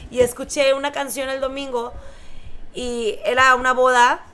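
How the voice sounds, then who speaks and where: Brief: Mexican woman, podcast host, bright and slightly high voice, chatty, full of fillers. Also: moderate pace, a little hiss or hum. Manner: animated storytelling with many fillers. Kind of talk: casual chat.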